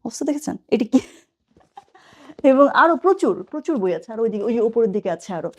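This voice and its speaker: A woman's voice: on the high side, very animated, a little fast. A woman teaching a casual German lesson, chatty, thinking aloud and slipping in English phrases.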